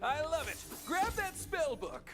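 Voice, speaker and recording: A man voicing an excitable, chatty adventurer companion in a fantasy video game. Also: extremely high pitch, measured pace, music in the background, exaggerated voice. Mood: eager. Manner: chatty, enthusiastic.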